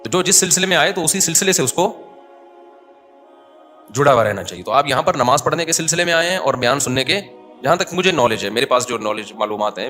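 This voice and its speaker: A man's voice: mid-range voice, sharp tone. A man giving a conversational sermon in a mosque. He asks the crowd questions and answers them himself. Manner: scolds listeners who look away. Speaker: mufti giving a mosque lecture.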